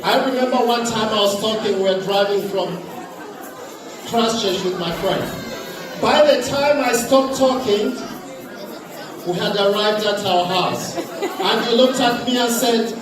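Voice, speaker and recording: A man's voice: high-pitched, measured pace, pauses often. A Zambian man in his forties gives a chatty, humorous talk to an audience in a large indoor hall, using a handheld mic and leading call-and-response. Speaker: guest speaker. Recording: echoey hall from far off with crowd and noise.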